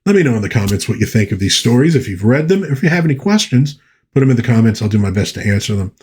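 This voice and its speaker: Quick and sing-song, his mid-range voice has a darkish, husky quality. He's the host of a pop culture channel rambling conversationally through a review of old pulp fiction, an enthusiastic fan who keeps correcting himself and reads short excerpts aloud to viewers.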